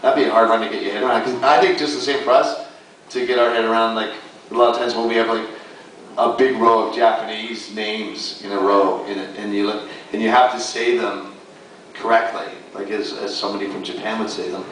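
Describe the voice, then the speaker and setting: A man's voice: fairly low pitch, fairly even intonation, a little fast, fairly bright tone, a little hiss or hum. Rambling man in an echoey hall. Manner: rambling, many likes and restarts. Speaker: voice actor panelist. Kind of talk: casual panel talk. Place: large convention hall. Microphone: far audience camera. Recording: echoey hall recorded from far off.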